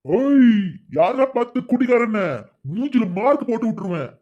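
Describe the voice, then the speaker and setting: A man's voice: very high-pitched, lively intonation, moderate pace, darkish tone, muffled recording. A man voicing a defiant, boastful young man who is accused of drinking, in a cartoon. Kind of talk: cartoon dialogue.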